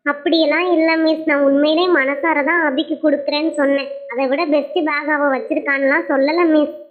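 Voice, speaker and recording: A woman voicing a gentle, hurt schoolgirl doll who speaks in a soft, pleading way. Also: high voice, little pitch movement, fairly quick, natural voice. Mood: earnest. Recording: tinny, phone-like sound.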